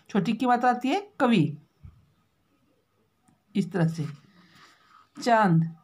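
A woman from Uttarakhand teaching a spelling lesson to young children, stretching words out slowly and ending almost every phrase with a question to the class. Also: on the high side. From Uttarakhand, India. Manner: slow, drawn-out spelling out of words; constant tag questions to pupils. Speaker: primary school teacher.

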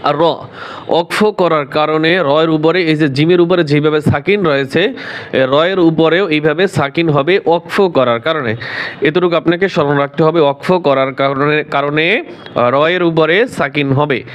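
Man, Quran recitation teacher, smooth resonant voice, unhurried overall pace, step-by-step lesson. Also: a little high. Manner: explains rules quickly, then recites verses slowly and drawn out.

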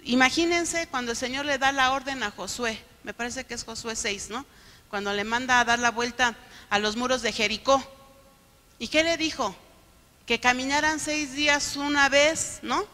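Bright-voiced woman pastor preaching. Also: sits high, normal speed. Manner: keeps asking the congregation "¿no?". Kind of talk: sermon. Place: church sanctuary. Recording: long reverb of a church hall.

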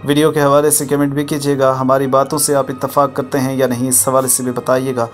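A man's voice: mid-range voice, level tone, brisk, faint music behind. A man narrating a voice-over commentary in a preachy, lecturing tone, using formal religious phrasing. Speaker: channel host narrating a viral video.

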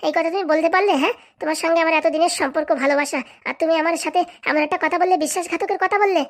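A sulky, scheming young cartoon wife, voiced by a woman, who makes demands and pouts. Her voice is high and her words rattle out very fast. She sounds petulant and hard to please. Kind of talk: cartoon voice acting.

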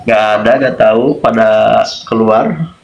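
A man's voice: lowish voice, a little slow, highs cut off, slight background noise. A man in his late twenties hosting a casual phone livestream from a small room, greeting viewers by name and urging them to tap. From Bandung, Indonesia. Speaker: livestream host. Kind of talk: casual live-stream chat. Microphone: phone camera close up.

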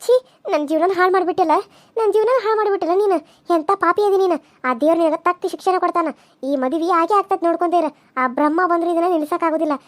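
A woman's voice: extremely high pitch, very fast. A woman voicing a wronged, pregnant young village wife in a cartoon serial, crying and reproaching. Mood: tearful. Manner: wailing, sobbing reproaches.

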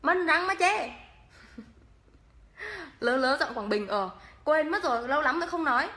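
High, bright-voiced playful woman vlogger. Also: lively intonation, moderate pace. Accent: northern Vietnamese. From northern Vietnam. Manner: playful and teasing, laughs often. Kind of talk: casual makeup vlog chat.

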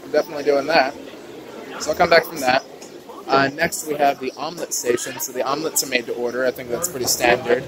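Speaking fast in a steady, mid-range voice, a young vlogger gives casual narration as he walks a large indoor buffet with a handheld phone. He keeps things upbeat, peppered with "ooh"s and "uh"s, while diner chatter and clatter fill the noisy video.

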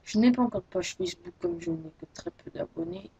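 A woman's voice: fairly high pitch, sing-song, fairly quick, gravelly, dark tone, breathy edge. A teenage girl making a casual video announcement as a gaming YouTuber, rambling and hesitant with many restarts. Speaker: Minecraft YouTuber.

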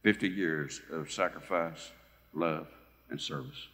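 A man slowly reading a heartfelt written tribute to his father at a church banquet. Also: rumbling low, fairly even intonation, vocal fry, a bit bright. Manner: slow, solemn, heartfelt reading. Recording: long reverb of a banquet hall.

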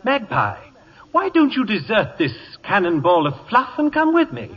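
An actor playing a witty, vain English playwright with a breathy, theatrical manner in a 1950s radio drama. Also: male voice, sits high, huge pitch swings, normal speed, exaggerated voice. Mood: flamboyant. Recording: dull lo-fi 1950s radio broadcast with long reverb.

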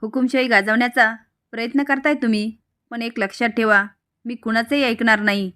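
A woman's voice: a little high, steady tone, a little fast, sharp tone, dry recording, studio quality. A woman voicing an outspoken married woman who argues back. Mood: indignant. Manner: indignant, argumentative.

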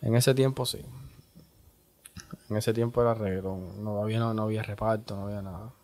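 A man from Cuba with a Cuban Spanish accent, a music producer speaking as a guest in a relaxed interview, often tagging "¿entiendes?". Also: lowish voice. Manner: slow, laid-back, repeats "¿entiendes?". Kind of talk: casual interview.

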